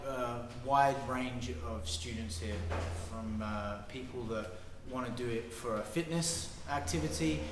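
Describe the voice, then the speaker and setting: Earnest gym owner in an echoey hall. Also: male voice, medium pitch, a little slow, hardly any pauses, heavy background noise. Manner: earnest, proud, voice trailing off at phrase ends. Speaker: Muay Thai gym owner and pro fighter. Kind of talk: interview answers. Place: martial arts gym.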